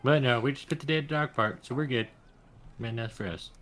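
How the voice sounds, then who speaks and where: Male player, bright-toned voice, jokey and quick to laugh. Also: mid-range voice. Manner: animated, joking, laughing a lot. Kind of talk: casual chat during a tabletop game.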